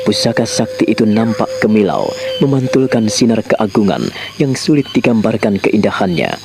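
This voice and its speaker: Radio drama narrator, man, low and expressive, loud music under. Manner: measured, dramatic storytelling.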